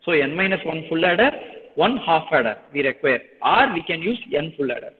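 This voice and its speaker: A man's voice: fairly high pitch, very animated, fast. A male lecturer with a Tamil Indian accent, heard through a thin, phone-like connection with long hollow reverb. He is a native Tamil speaker who explains step by step, repeating himself and checking in with students. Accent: Tamil Nadu, Indian. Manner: repetitive, explanatory, switching between Tamil and English. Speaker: engineering lecturer teaching an online class. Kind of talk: live lecture with frequent check-in questions.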